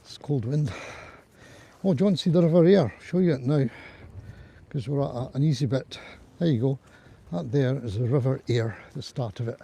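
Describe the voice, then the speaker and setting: A man with a husky, warm voice of medium pitch talks briskly while livestreaming a group walk outdoors. He rambles chattily and greets viewers as he heads along a riverside trail in cold wind. His small DJI clip-on mic sits near his throat.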